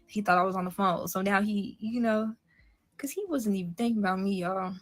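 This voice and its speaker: A woman's voice: mid-range voice, fairly quick, soft background music. A woman from Seattle chatting casually with viewers on a live stream, rambling and answering the chat directly. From Seattle, USA.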